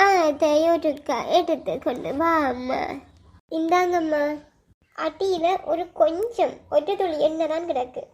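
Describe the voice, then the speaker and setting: A woman with a Sri Lankan Tamil accent voicing a tired, gentle old grandmother who speaks slowly and softly in a cartoon. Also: extremely high pitch. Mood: weary.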